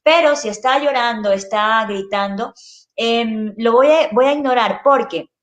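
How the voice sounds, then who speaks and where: A woman's voice: fairly high pitch, measured pace. A woman, a child neuropsychologist, patiently explaining parenting in an interview and adding little checking questions. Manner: patient, explains with rhetorical tags. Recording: echoey room.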